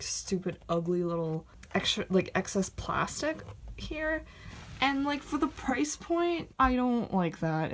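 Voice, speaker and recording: A woman's voice: on the low side, slight background noise. A woman chatting casually in a home vlog, rambling with lots of fillers and frequent laughs. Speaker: vlogger.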